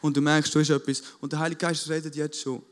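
A man preaching a sermon on a church stage with a band waiting, fervent and casual, dropping English buzzwords and rising to loud appeals. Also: a little high, flat delivery, fast talker.

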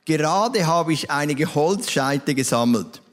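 A man with a Swiss German accent voicing a poor, despairing widow, speaking slowly and solemnly. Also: on the high side, animated. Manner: slow, solemn, emphatic. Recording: reverberant church hall.

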